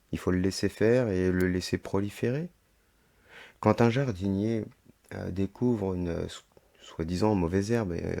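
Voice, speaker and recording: A deep-voiced man delivers a podcast monologue, moving between reading and commentary. His tone is dark and gravelly, with the thickened sound of a sore, swollen throat. He speaks in hesitant stretches broken by rhetorical asides. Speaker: podcast host. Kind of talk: monologue reading a text aloud with running commentary.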